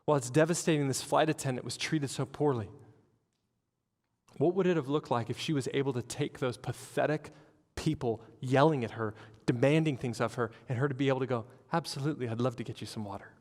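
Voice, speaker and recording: A man preaching a sermon as pastor, animated, acting out the people in his stories. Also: mid-range voice, fairly quick, long reverb tail. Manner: animated storytelling with acted-out quotes. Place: church hall.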